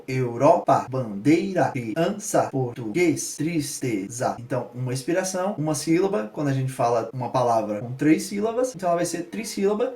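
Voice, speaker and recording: A male teacher giving a patient, step-by-step explanatory lesson, often pausing to check that his students follow. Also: fairly high pitch, darkish tone. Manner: patient, spells out examples, keeps checking in with listeners. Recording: roomy echo, voice from a distance.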